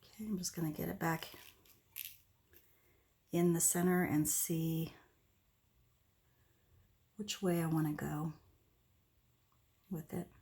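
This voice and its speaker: A woman with a slightly low voice hosts a casual craft demonstration. She talks through each step as she works, unhurried and conversational. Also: fairly even intonation, vocal fry, dark tone. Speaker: host of an acrylic pour painting tutorial. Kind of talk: casual craft demonstration, narrating as they work.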